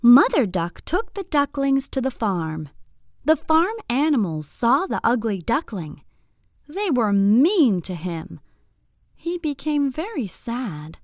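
Here a woman with a fairly high voice performs a scripted children's bedtime story, shaping each line with expression and deliberate clarity. There's no room sound, just clean studio audio.

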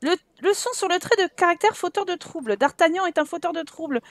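A woman commenting on her life-sim game playthrough in a chatty, animated way, laughing often and exclaiming at what happens on screen. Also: very high-pitched, fast talker, no echo. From France. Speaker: gaming YouTuber. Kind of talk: Let's Play commentary.

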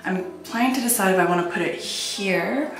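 In a casual vlog, a woman in her thirties with a mid-range voice talks at a moderate pace, thinking aloud as she works through tasks. She is indoors in an empty apartment and a small tiled bathroom, where the empty rooms echo over background music.

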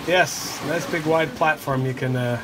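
A man on a catamaran deck at sea, casually explaining how the sail flies, relaxed and unhurried. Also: on the high side. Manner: relaxed, gesturing while explaining. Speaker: sailing crew member. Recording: loud wind and sea noise outdoors.

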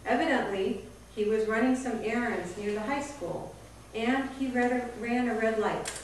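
A woman's voice: on the high side, normal speed, heavy reverb, distant mic, slight background noise, poor audio. A woman telling a personal family story on stage, acting out the voices of her relatives. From Miami area. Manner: vivid storytelling, acts out quoted family members.

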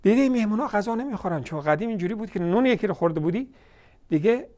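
Guy with a high voice doing a heated tv religion lecture, scolds and mocks, slows way down for scripture. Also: lively intonation. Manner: heated, scolding and mocking, loud bursts then quiet asides; recites scripture slowly and deliberately.

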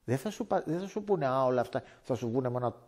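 A man from Greece giving a personal faith testimony as a guest speaker, animated and acting out conversations. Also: mid-range voice. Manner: animated, acts out dialogue in voices.

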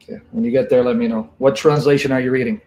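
Guy running a heated call-in debate, bossy and impatient, normal mid pitch. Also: steady tone, fast, noisy background. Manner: domineering, impatient, repeats questions. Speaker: debate host.

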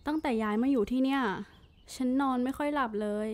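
A woman's voice: high voice, fast, darkish tone, lightly acted. A woman playing an anxious young wife troubled by eerie nightmares in a radio drama. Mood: unwell, soft.

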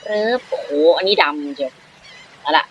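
A man hosting a gaming channel, giving playful, excitable commentary, role-playing dialogue and voicing his own jump sounds as he plays. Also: fairly high pitch, normal speed, a little hiss or hum, rough recording.

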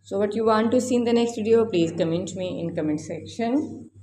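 A woman's voice: mid-range voice, a little fast, warm tone. A woman doing an effusive, repetitive voice-over as a YouTube host. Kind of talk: casual scripted-style video voice-over with repeated phrases. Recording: roomy echo, faint background noise.

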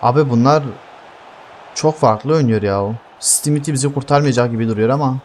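A young man giving heated live gameplay commentary, swearing constantly and yelling at his teammates. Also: mid-range voice, a little fast, a little hiss or hum. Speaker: gaming streamer.

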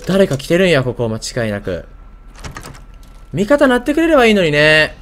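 A man's voice: on the high side, wildly swooping pitch, normal speed, fairly bright tone. A man with a Kansai Japanese accent doing casual video game commentary, thinking aloud in short muttered questions.

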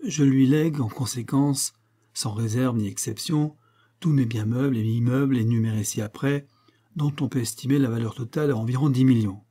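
Guy doing a cold polite old notary, formal, solemn, mellow husky tone. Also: medium pitch, moderate pace, natural voice.

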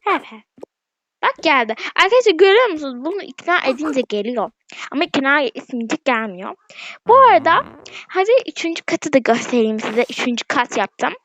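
A woman's voice: high-pitched, lively intonation, fairly quick, a bit bright, no echo. A woman narrating her daily routine in a casual vlog, talking straight to her viewers and often tripping over her words. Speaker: vlogger. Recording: dull, dry, lo-fi sound.

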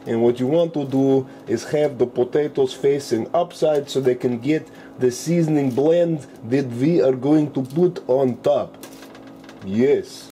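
A man's voice: on the high side, mellow, a little hiss or hum, close to an everyday voice, low-quality recording. A man doing a put-on Russian accent as a joking farm-boy cook while hosting a cooking tutorial, dropping articles and swearing casually. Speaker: cooking show host.

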